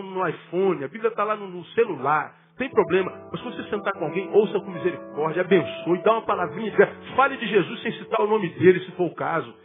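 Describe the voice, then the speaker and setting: A man pastor with a Brazilian Portuguese accent, preaching a lively, humorous sermon and acting out little asides. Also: sits high. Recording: tinny phone-like sound with music behind.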